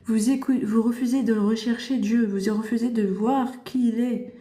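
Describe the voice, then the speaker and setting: A woman's voice: on the high side, fairly even intonation, normal speed, mellow, reverberant. A woman preaching fervently on a live stream, scolding her listeners and firing rhetorical questions at them. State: tearful. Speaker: livestream host. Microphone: phone.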